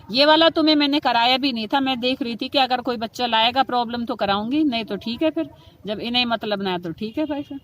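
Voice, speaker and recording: A woman gives a chemistry lesson in a high voice, quizzing her students as she goes. A faint hiss of noise sits under her speech. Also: fairly bright tone. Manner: addresses students affectionately, asks and answers her own questions. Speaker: chemistry teacher. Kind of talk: classroom lecture.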